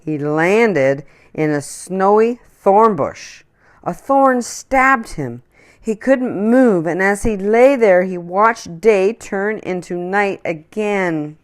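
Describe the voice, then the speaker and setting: Reading aloud from a children's picture book, a woman uses an expressive storytelling style, her mid-range voice unhurried and slow.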